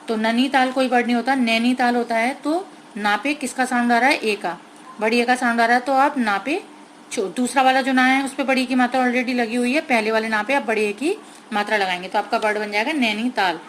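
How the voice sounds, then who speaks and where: A woman teacher slowly explaining a grammar lesson to young children, sounding out words carefully and mixing in English words. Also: fairly high pitch, a bit bright, a little hiss or hum, low-quality recording.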